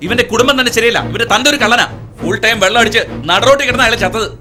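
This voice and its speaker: Play a proud, contemptuous commissioner father, rapid-fire and bright-edged, sneering at everyone in a film dub. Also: very high voice, faint music behind. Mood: scornful. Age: middle-aged. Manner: harsh, taunting, contemptuous. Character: domineering, arrogant middle-aged police commissioner father. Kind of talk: dubbed film acting.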